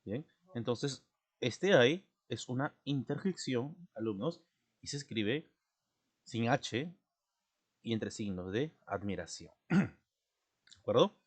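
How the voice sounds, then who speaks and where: A man's voice: mid-range voice, animated. Man teaching a spelling class. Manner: slow, repetitive, checks in with "¿no?" and "¿de acuerdo?"; clears his throat often. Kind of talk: online spelling lesson.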